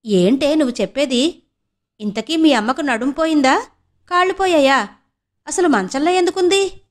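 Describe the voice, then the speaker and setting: A woman doing a gruff, bossy uncle. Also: high voice, animated, normal speed, voice pushed up. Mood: alarmed. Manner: loud, bossy, curt questions. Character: gruff demanding middle-aged uncle, man.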